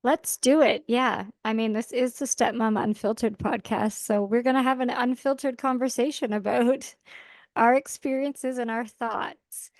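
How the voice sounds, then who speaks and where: A Canadian woman co-hosts a podcast in a chatty, easygoing way, often breaking into laughter. Her voice sits a little high, and the recording is dry and close. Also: fairly even intonation, a little slow, dry recording. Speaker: podcast co-host. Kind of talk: casual podcast chat.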